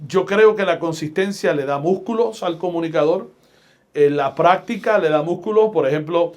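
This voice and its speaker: Telling stories in a podcast interview, a middle-aged pastor and radio host from Puerto Rico speaks with a Puerto Rican Spanish accent. His voice runs on the high side, and his delivery is deliberate and emphatic, like a preacher's.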